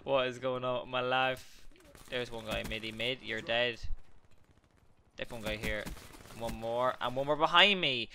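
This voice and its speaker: Young male gamer, bright voice, rambling excitable play-by-play with swearing, faint hiss and clicks. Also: mid-range voice, moderate pace. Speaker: gaming channel host. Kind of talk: live gameplay commentary.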